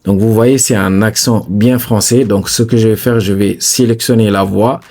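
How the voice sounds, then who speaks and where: A man hosting a screen-recorded software tutorial, talking chattily to viewers and filling his steps with stock phrases. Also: on the low side, fairly even intonation, normal speed, soft background music. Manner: chatty, repeats "bien sûr", addresses viewers as "les gars". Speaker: tutorial host.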